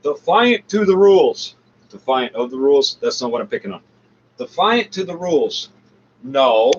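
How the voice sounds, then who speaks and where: A commentator with a medium-pitched voice swings widely in pitch at a moderate pace while he rants over a played radio broadcast. He is off the cuff, combative, contemptuous and foul-mouthed, heard through muffled, faintly noisy lo-fi sound.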